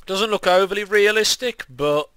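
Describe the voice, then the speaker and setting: A man's voice: sits high, moderate pace, fairly bright tone, smooth, dry recording. A young man with a lisp and whistling s sounds, giving casual, rambling, self-deprecating game commentary. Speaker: gaming video maker.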